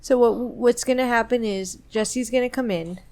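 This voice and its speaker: A woman's voice: a little high, normal speed, darkish tone. A woman co-hosting a casual book podcast, retelling scenes and reading character lines aloud. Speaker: podcast co-host.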